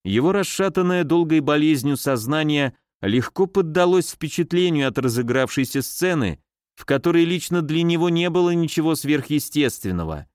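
A man narrating a story with a steady, expressive reading. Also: on the high side, moderate pace, smooth, no echo, studio quality. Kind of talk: audiobook narration.

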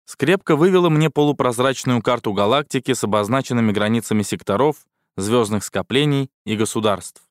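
Reading scripted first-person sci-fi, this audiobook narrator keeps a dry, sardonic edge at a fairly quick pace. His pitch is medium, and the recording is dry and studio-clean.

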